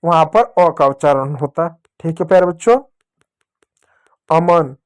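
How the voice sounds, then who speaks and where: Male teacher, patient, spells words out for kids, clear, slightly high voice. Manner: patient, repeats words slowly and calls the kids dear children. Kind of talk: children's reading lesson.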